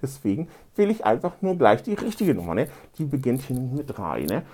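In a pretend phone call, a male comedian grumbles his way through a rambling, indignant monologue, hanging a quizzical "ne" on almost every line. His mid-range voice swings wildly in pitch, moving briskly with a darkish, slightly rough edge.

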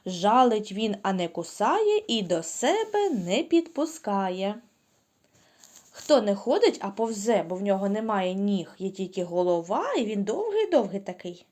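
A woman leads a lesson for small children, taking her time and stretching out each sound so they can copy her. Her voice rises and falls a great deal, and its tone is warm and mellow. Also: mid-range voice, very animated. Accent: Ukrainian. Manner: slow, patient, drawn-out speech with sing-song sound drills. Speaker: preschool teacher.

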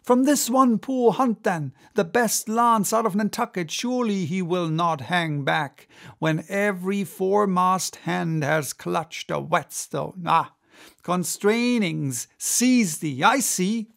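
A man's voice: high voice, lively intonation, slow, creaky, a bit bright, exaggerated voice. A man voicing an obsessed, vengeful whaling captain in an audiobook, intense and declamatory. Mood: fierce, goading.

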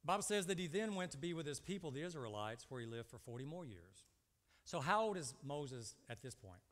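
This preacher, a man in his fifties, sounds very animated, with a fairly high, slightly bright voice and a somewhat quick delivery. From the lectern of an indoor church stage he hammers home his points, repeating himself and answering his own short questions to the congregation amid reverberant hall acoustics.

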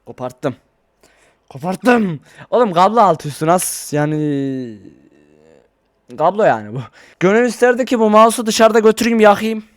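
A man talking casually to his viewers in a vlog, rambling and excitable, into a desk microphone. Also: high-pitched, moderate pace. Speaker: YouTuber. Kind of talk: casual vlog talk to camera.

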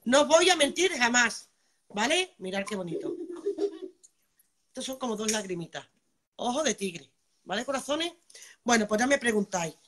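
Live-stream seller, woman from Spain, bright and fairly high, chatty and nonstop. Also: lively intonation, normal speed, pauses often, a little hiss or hum. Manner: chatty, keeps asking "vale", greets viewers by name. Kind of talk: live-stream sales pitch.

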